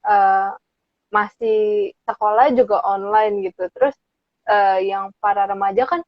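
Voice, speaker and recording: A woman's voice: mid-range voice, fairly even intonation, unhurried, no echo, highs cut off. A young woman hosting, asking a casual question with hesitant fillers. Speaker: host.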